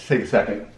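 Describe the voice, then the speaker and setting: A man talking casually to the camera in a vlog, his mouth burning from spicy food. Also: pushed and bright. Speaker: vlogger doing a hot sauce challenge. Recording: echoey room, far from mic.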